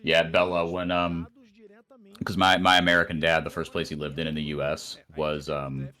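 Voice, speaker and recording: A man's voice: very deep voice, little pitch movement, normal speed, pushed and bright. A man casting an esports stream, chatting casually and rambling with plenty of fillers and restarts. He grew up with Portuguese at home. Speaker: esports caster. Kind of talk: casual live-stream commentary chat.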